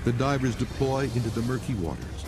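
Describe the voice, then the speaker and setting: A man's voice: mid-range voice, animated, fairly quick. A man reading scripted narration as the narrator of a documentary. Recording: loud music under the voice. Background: music.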